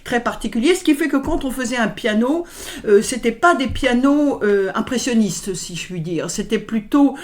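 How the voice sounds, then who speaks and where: A woman's voice: fairly high pitch, expressive, moderate pace. A woman violinist answering interview questions, speaking with many hesitations, fillers and restarts. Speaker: violinist guest. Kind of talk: conversational interview.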